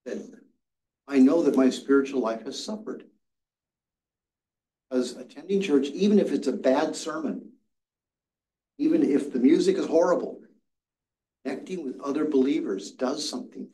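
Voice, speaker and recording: With a fairly high, mellow voice, a moderate pace and long pauses, an older man earnestly tells a story to his seated Sabbath school Bible class, often restarting his words. He is captured from far off in an echoey church classroom.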